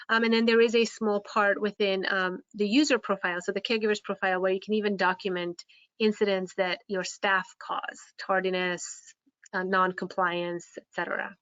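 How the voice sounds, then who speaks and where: A woman's voice: mid-range voice, fairly even intonation, normal speed, a bit bright, dry recording. Woman, video call audio, slightly muffled, dry close sound, hesitant restarts. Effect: video call audio with a shaky internet connection. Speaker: care home operator and software founder. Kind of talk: panel webinar answers.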